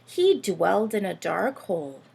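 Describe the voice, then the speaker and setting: A woman hosts a playful read-aloud and chat for young children, her mid-range voice unhurried and touched with vocal fry. She stays animated and sing-song, regularly asking the children questions.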